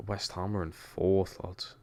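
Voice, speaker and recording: A man's voice: low voice, little pitch movement, unhurried, dark tone. A young man with a Geordie accent, chatting casually over a football game while streaming and reading chat. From Newcastle, England. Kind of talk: casual gaming stream commentary.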